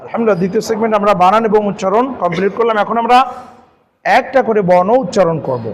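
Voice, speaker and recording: A man's voice: high-pitched, rapid-fire. A man teaching Quran recitation, dictating syllable by syllable and chanting the verse for a student to repeat. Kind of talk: recitation lesson.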